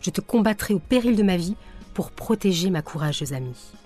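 A woman voicing a wise, protective old she-bear in a storybook reading, calm and steady. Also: lowish voice, fairly quick, faint music behind. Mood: resolute.

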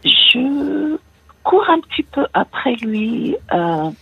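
A woman's voice: fairly high pitch, very animated, extremely slow, vocal fry, slightly rough, dry recording. A woman in her sixties with a slight American accent, calling in to a radio show and confiding hesitantly with many fillers over a phone line. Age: 60s. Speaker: caller. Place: home in the United States.

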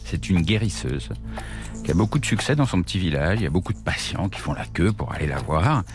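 Animated man telling a radio anecdote. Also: low-pitched, a little fast, soft background music. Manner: lively, theatrical storytelling with whispered asides. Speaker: storytelling expert. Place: radio studio.

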